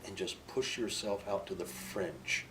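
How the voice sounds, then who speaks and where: A man's voice: low-pitched, unhurried. An older man, a military veteran, remembering his past in an interview in an opinionated, emphatic way. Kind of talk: reminiscing in an interview. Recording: distant microphone, clearly noisy room.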